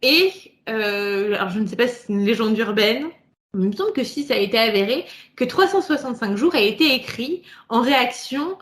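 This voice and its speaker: A woman's voice: a little high, expressive, a little fast, a bit bright. A woman co-hosting a casual podcast chat, laughing often and reading passages aloud. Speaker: podcast co-host.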